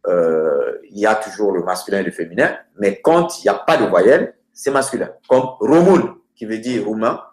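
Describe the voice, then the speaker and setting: Low-voiced man teaching in an echoey room. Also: very animated. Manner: hesitant, many filler sounds, slows down for example words. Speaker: language teacher. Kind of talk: explaining grammar with word lists.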